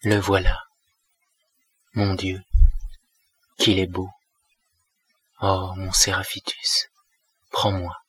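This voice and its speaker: A man's voice: low-pitched, monotone, extremely slow, long pauses, breathy edge, no room sound, full character voice. A man reading an awed devout young woman. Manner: awed, hushed.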